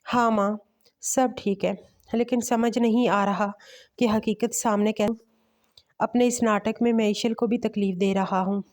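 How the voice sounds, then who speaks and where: A woman's voice: mid-range voice, fairly even intonation, a little slow, darkish tone, lightly acted. A woman voicing a grown young man who acts childlike, stubborn and sulky. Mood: sad. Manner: sulky, pleading.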